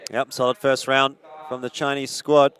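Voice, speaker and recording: A man's voice: medium pitch, flat delivery, moderate pace, a bit bright. A man commentating live on an esports match as a caster, explaining the play, with crowd and game gunfire behind him.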